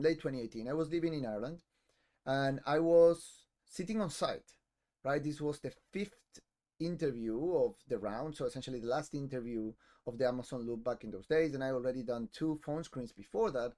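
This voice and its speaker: A man's voice: mid-range voice, darkish tone. Man telling a story in a talk. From Argentina. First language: Spanish. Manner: casual storytelling with frequent ums and restarts. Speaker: conference speaker. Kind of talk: conference talk.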